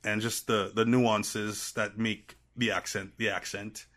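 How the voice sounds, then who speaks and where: A man with a Trinidadian accent carrying an American tinge, telling stories as a podcast guest in an animated way. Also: on the low side. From Trinidad and Tobago. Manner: animated storyteller, quick to laugh. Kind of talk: casual podcast chat.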